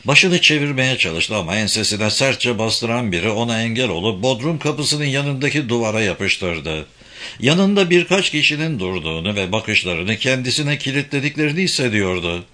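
A man narrating a story in a dramatic, expressive reading style. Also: mid-range voice, moderate pace. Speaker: audiobook narrator.

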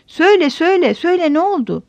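A woman's voice: very high-pitched, very animated, quick pace, no echo, highs cut off, voice pushed up, full character voice. A woman voicing a feverish, prying middle-aged village headman who keeps pressing with repeated questions. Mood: urgent. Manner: insistent, repetitive questioning.

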